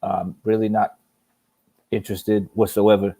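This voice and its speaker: Halting, laughing man in a casual boxing chat. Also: fairly low pitch, flat delivery, mellow, breathy edge. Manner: halting, repeats words, laughs often. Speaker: boxing podcast co-host.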